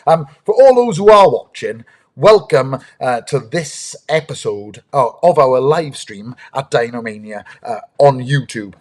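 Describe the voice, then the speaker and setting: A man's voice: mid-range voice, animated, unhurried. A man hosts a live stream for young viewers. He is eager and chatty, with many ums as he greets viewers. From United Kingdom. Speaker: host, dinosaur ranger.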